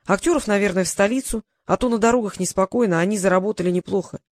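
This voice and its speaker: Woman reading a quiet earnest teen boy, thoughtful, dry sound. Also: medium pitch, fast, no room sound, close to an everyday voice.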